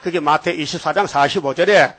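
A male pastor giving a sermon, folksy and animated, acting out story voices and calling out to the congregation. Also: on the high side, fairly quick. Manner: animated storytelling preacher, acts out biblical voices.

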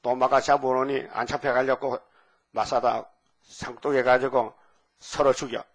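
An elderly man in his seventies preaches a sermon in a voice of ordinary pitch. He lingers over scripture verses and fires rhetorical questions at his listeners. Now and then he breaks into loud, forceful bursts. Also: level tone. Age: 70s. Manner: reads scripture slowly. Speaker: pastor.

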